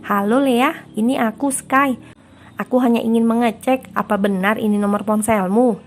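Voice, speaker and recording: A woman's voice: on the high side, steady tone, normal speed, slight background noise, natural voice. A woman voicing a polite young man. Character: friendly young man on the phone.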